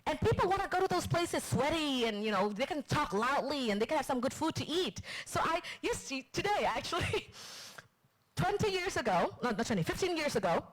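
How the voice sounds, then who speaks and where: A woman from Vietnam giving a live marketing class, chatty and lively, asking the room questions. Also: high-pitched, normal speed, rough recording. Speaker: marketing instructor. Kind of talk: live class lecture to an audience. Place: lecture room with audience.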